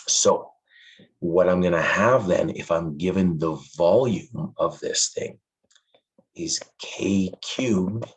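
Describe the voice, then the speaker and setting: Male math teacher with a deep voice that is going hoarse, friendly and emphatic. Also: poor audio. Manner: friendly, calls students "friends", stresses key points. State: losing his voice. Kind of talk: classroom math lesson.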